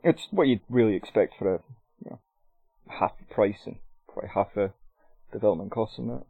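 A man's voice: lowish voice, a little fast, vocal fry, husky, no room sound. A man chatting casually about video games as a podcast co-host. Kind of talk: casual gaming chat. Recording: dry, thin phone-like call audio.

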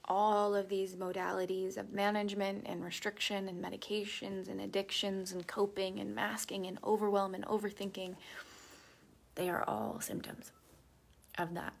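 Woman coach, gravelly, soft and reflective, drifts into half-whispers during a self-help live stream. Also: mid-range voice, level tone, normal speed.

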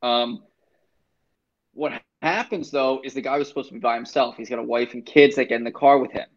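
A man's voice: mid-range voice, a little fast, highs cut off. A man in casual chat, animatedly retelling a film plot with emphatic recaps.

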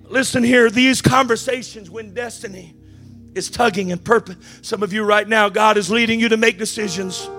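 Impassioned male preacher, strikingly high-pitched voice. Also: steady tone, moderate pace, soft background music. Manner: impassioned, declamatory, often shouting; emphatic repetition for effect. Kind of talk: Pentecostal-style church sermon.

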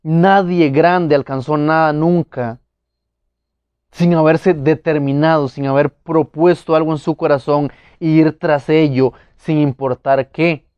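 A man's voice: on the high side, fairly even intonation, measured pace, clean tone, dry recording, highs cut off. A man preaching a motivational sermon, talking earnestly and with emphasis, speaking straight to his listeners.

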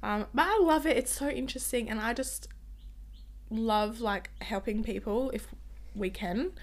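A woman's voice: a little high, unhurried. A young woman co-hosting a podcast in casual, rambling, giggly chat, her voice a little off and limited in volume from a recovering sore throat. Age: young adult. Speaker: podcast co-host.

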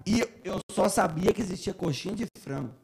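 A man tells gossipy stories in a casual chat, loud and full of jokes. His voice sits high with a gravelly edge. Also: lively intonation, brisk. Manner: loud, joking, gossipy storytelling.

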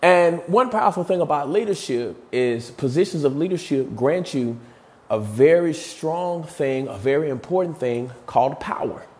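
Earnest, slightly winded motivational coach. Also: male voice, fairly high pitch, lively intonation, moderate pace, darkish tone. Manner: earnest, repetitive preaching cadence with many fillers. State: a bit out of breath. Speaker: podcast host and motivational coach. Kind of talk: motivational podcast talk on leadership.

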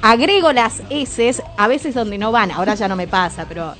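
A woman from Córdoba with an Argentine accent and faint traces of her home region, chatting as a radio guest in a lively, often laughing way. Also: fairly high pitch, moderate pace, soft background music. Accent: Argentine Spanish, faint Córdoba traces. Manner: animated, laughs often, reflective. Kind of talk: casual radio chat.

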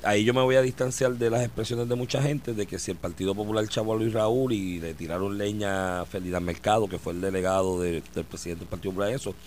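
Puerto rican cohost, lowish voice, fast quips and agreement, faint hum. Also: male voice, steady tone, a little mellow. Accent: Puerto Rican Spanish. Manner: quick interjections, dry agreement and jokes. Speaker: political talk show co-host. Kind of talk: political commentary chat.

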